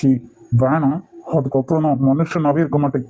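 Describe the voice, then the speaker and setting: A man voicing a gruff, arrogant young boss. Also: fairly high pitch, steady tone, moderate pace, dark tone, no echo, natural voice, low-quality recording. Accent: Nagercoil Tamil. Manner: gruff, commanding, scolding. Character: arrogant young company boss, short-tempered. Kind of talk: cartoon voice acting.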